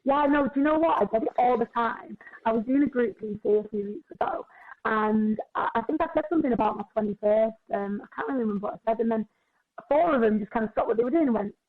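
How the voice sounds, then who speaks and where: A twenty-one-year-old woman, a personal trainer, talking in casual podcast chat, chatty and quick with lots of filler words. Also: on the high side. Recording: tinny phone-like sound.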